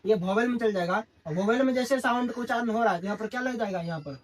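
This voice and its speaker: This is a man teaching English grammar in a Hindi-language class, with a high voice and a fast delivery. He works in call-and-response fashion, forever asking questions and then supplying the answers.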